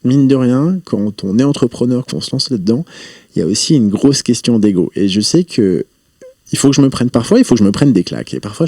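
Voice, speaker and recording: Male interview guest, low and warm-toned, reflective, hesitant delivery. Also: no echo, clean studio sound. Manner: reflective, rambling, frequent hesitations. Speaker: podcast guest, entrepreneur. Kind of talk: casual interview talk.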